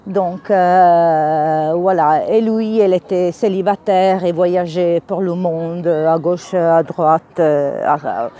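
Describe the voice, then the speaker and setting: Softly mellow woman, foreign accent in French. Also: lowish voice, steady tone. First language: not French. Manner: halting, searching for words. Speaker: spiritual vlogger and energy healer. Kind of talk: informal spiritual monologue.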